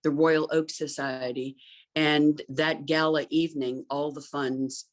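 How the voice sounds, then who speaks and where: This middle-aged interior designer has a deep voice with little pitch movement and talks about gardens at a measured pace. Her manner is thoughtful and fluent, with frequent ums.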